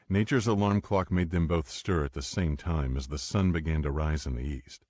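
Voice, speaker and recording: A man reading an audiobook romance in a steady, unhurried narration. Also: deep voice, husky, no echo, studio quality. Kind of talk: scripted narration.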